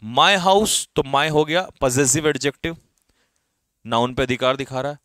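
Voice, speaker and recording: A man's voice: medium pitch, fairly bright tone, dry recording. A young man teaching grammar in a classroom lecture, asking questions and answering them himself. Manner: explains in Hindi, reads English examples slowly and stresses them. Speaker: English teacher.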